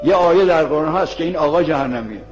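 A man, a cleric, giving a plain-spoken moral sermon to seminary students, telling anecdotes and posing questions he then answers himself. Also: fairly high pitch. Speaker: cleric preacher. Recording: lo-fi archival recording with long reverb and faint music.

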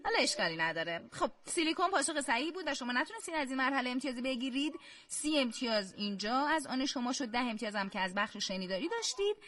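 A woman hosting a quiz show, reading questions slowly and clearly and praising the players. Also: a little high, fairly bright tone. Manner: slow, carefully spelled-out questions; encouraging praise.

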